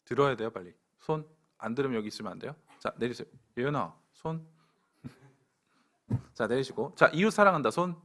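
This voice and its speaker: A man's voice: mid-range voice, lively intonation, normal speed, pauses often, fairly bright tone. A young adult man preaching a sermon to a church young adults group, pointed and direct with playful asides. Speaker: pastor.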